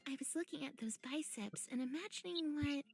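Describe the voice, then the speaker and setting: A woman voicing a refined, chatty young woman on a date, well-spoken and gently teasing. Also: high voice, a little fast, gravelly, faint music behind.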